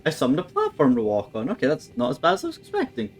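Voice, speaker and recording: A man's voice: a little high, wildly swooping pitch, rapid-fire, vocal fry. A man giving casual let's-play commentary, thinking aloud and swearing at the game with wry humour. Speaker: gameplay commentator. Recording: faint background noise.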